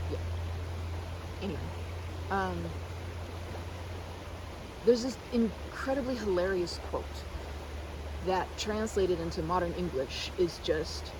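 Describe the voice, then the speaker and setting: A woman with a fairly low voice rambles animatedly like a chatty best friend, slipping into mimicked quotes as part of a roleplay. The background is noisy.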